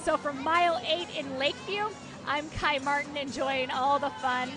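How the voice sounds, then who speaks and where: A woman's voice: high-pitched, steady tone, normal speed. A woman working as a roving field reporter, giving live race coverage from a city street. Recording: outdoor street broadcast with music. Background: clear music.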